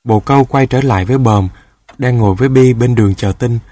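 A man narrating a children's storybook in a calm, even manner. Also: mid-range voice, brisk, no room sound.

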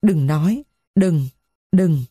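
A woman voicing a dying blind old woman who speaks in a faint, trembling, rasping way. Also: sits low, slow, warm tone, dry recording, studio quality, full character voice. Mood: tearful pleading.

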